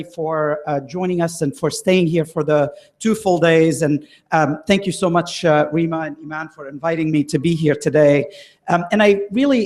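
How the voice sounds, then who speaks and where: Man, hesitant. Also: a little high. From Lebanon. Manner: hesitant, frequent ums and uhs. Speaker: conference speaker. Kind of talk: conference closing talk.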